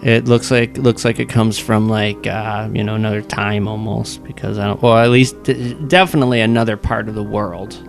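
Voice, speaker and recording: A man's voice: on the low side, little pitch movement, moderate pace, creaky, few pauses, soft background music. A man improvising narration as game master of a tabletop game.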